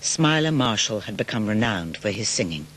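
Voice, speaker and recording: A man's voice: lowish voice, big pitch swings, moderate pace, a bit bright, a little hiss or hum. A man reading scripted documentary narration as the narrator.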